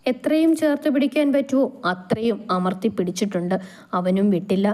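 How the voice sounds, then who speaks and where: A woman narrating a romance story in a soft, steady voice. Her tone is mellow and dark, and her reading is emotive but unhurried. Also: medium pitch.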